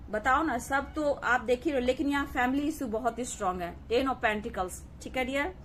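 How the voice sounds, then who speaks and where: A woman's voice: sits high, a little hiss or hum. A woman giving a collective tarot reading, addressing viewers as "dear" and often repeating "okay" to reassure them. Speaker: tarot reader.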